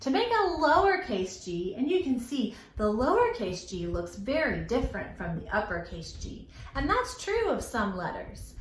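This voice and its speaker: Hosting a library storytime for young children, a middle-aged woman talks at a moderate pace in a slightly high, very animated voice, barely pausing. Her lesson mixes rhymes, simple sing-song phrasing, stressed words and questions to her listeners, captured with roomy echo and background noise.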